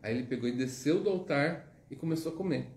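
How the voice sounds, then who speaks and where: Brazilian male teacher, casual and digressive, mellow tone, roomy echo with faint music. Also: fairly high pitch, fast talker. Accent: Brazilian Portuguese. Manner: chatty, digressive, frequent tag questions. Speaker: spiritual teacher. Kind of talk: informal teaching with storytelling.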